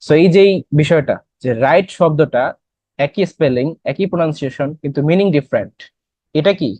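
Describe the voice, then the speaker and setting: A man's voice: fairly high pitch, a little fast, a little mellow, no echo. A young man with a Bangladeshi accent teaching an English class for admission tests, explaining in Bengali with English terms and quizzing students. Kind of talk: classroom lecture.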